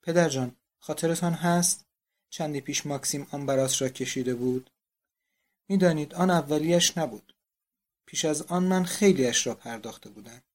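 A man's voice: fairly high pitch, natural voice. A man reading the part of a distraught young countess pleading and confessing to her father.

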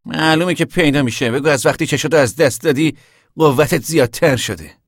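A man's voice: fairly high pitch, no room sound, clean studio sound. A male narrator voicing a blunt, impatient young man who talks in a scolding, brusque way.

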